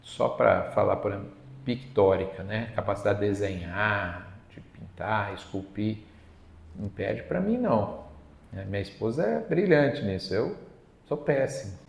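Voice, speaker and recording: A gravelly-voiced man from Brazil gives an evening lecture at a spiritist center. He talks conversationally and slips into quoted dialogue. The echoey hall rings around his voice. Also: on the low side, very animated, measured pace.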